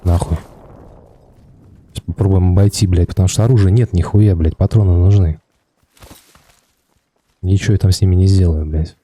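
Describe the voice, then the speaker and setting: Dark-voiced man, coarse street-tough talk. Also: low voice, fairly even intonation, moderate pace, pauses often. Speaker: gamer playing a battle royale shooter. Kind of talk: casual gameplay commentary to teammates. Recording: faint background game noise. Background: video game sounds.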